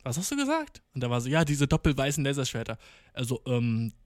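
A man's voice: medium pitch, wildly swooping pitch, fast, dry recording, clean studio sound. A young man telling a casual, slangy anecdote full of swearing, acting out the people he quotes. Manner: slangy, swearing, tags lines with "ne?"; acts out quoted people in the story. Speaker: storyteller.

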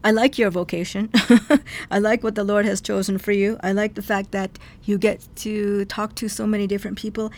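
A woman hosting an interview, warm and affirming toward her guest. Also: medium pitch, flat delivery, normal speed. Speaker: interview host. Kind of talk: interview conversation.

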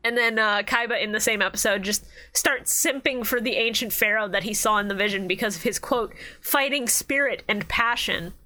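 A woman's voice: mid-range voice, fairly even intonation, brisk, few pauses, sharp tone. A woman co-hosting a casual podcast, chatting and giggling through fan commentary. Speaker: podcast co-host.

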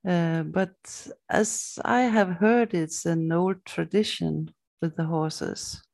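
A woman hosting a conversational interview, speaking in halting phrases with pauses as she thinks. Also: lowish voice, fairly even intonation, vocal fry, a little mellow, no room sound, studio quality. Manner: halting, pausing between phrases. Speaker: interviewer, host.

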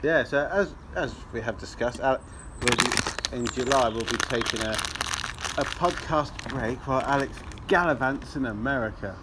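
A man's voice: mid-range voice, moderate pace. Jokey man, noisy outdoor recording. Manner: jokey, puts on silly accents. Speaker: podcast co-host. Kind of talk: casual chat.

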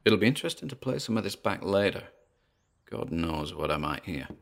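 A low, gravelly, exaggerated voice with big pitch swings belongs to an actor portraying a paranormal investigator in an audio drama. Nervous yet driven, the character records himself alone and speaks apprehensively and haltingly to his listeners.

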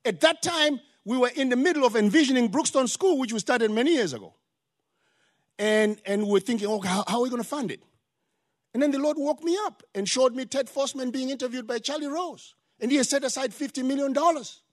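An older Zimbabwean pastor with a Zimbabwean accent preaches a sermon emphatically, building up to rising exclamations. His voice is very high, and he talks a little fast.

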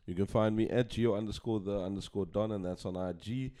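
Clear-voiced laddish South African man. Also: fairly low pitch, steady tone, a little fast, mellow. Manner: laddish, bro-heavy slang. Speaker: podcast co-host. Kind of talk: casual podcast banter.

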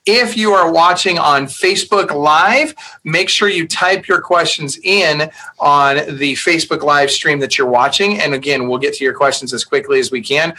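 A man hosting a real estate webinar, energetic and upbeat as he introduces his guest and asks questions. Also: a little high, normal speed. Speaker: webinar host. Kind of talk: webinar interview.

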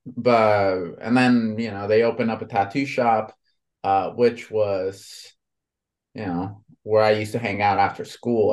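A man's voice: fairly low pitch, darkish tone. A man in his thirties from Honduras, a tattoo artist chatting casually and rambling with lots of fillers. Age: 30s. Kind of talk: casual conversation.

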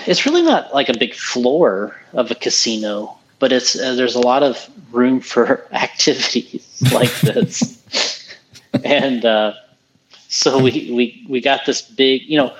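On a rough recording, a man with a mid-range voice co-hosts a casual podcast. He offers easygoing, rambling commentary on an RC race and keeps restarting his sentences as he goes.

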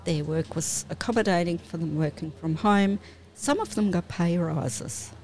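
Female panellist, lowish voice, casual discussion, faint ambient noise behind. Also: normal speed, darkish tone. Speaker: podcast panellist.

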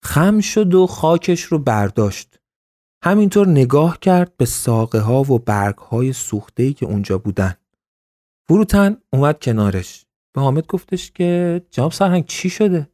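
A man narrating a story in a calm, even storytelling manner. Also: medium pitch, dry recording. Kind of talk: scripted narration.

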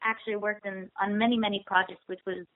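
A young woman speaks over a telephone line, her voice thin and tinny with the low and high ends cut away. She is a guest being interviewed, eager and gushing, doubling words for emphasis as she talks at a middle pitch. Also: little pitch movement, fast talker. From Israel. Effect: heard over a telephone line. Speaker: guest actress. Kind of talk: phone interview.

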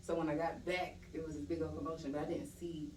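A woman's voice: low-pitched, flat delivery, fast talker, a little mellow, slight background noise. A young woman from Louisiana with a Louisiana accent, a podcast guest telling stories in a loose, laughing way with Southern slang. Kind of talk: casual interview chat. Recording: echoey room, mic at a distance.

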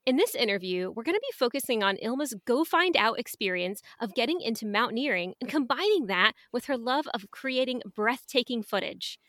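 A woman's voice: fairly high pitch, expressive, brisk, few pauses, a bit bright. A woman hosting a podcast, chatting in a casual, upbeat and enthusiastic way as she interviews a guest. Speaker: podcast host.

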